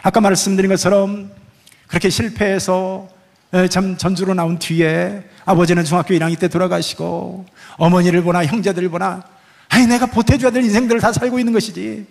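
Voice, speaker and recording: A man's voice: high-pitched, fairly even intonation, fairly quick, vocal fry. A man preaching a sermon as a pastor, pressing the congregation with emphatic rhetorical questions.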